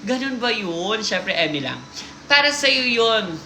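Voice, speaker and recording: Woman host reading listener stories on a stream, bright voice, playful and teasing; roomy echo. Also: on the high side, very animated, a little slow, slight background noise. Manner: playful, teasing asides while reading aloud. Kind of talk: casual livestream chat.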